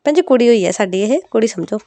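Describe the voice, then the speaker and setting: A woman's voice: on the high side, lively intonation, fast, mellow, no echo. A woman voicing a kind, bustling middle-aged mother. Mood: affectionate.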